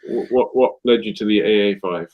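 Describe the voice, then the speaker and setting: A man interviewing a guest on a video call, asking questions in halting restarts. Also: on the low side. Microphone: webcam video call. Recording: slightly dull video call audio.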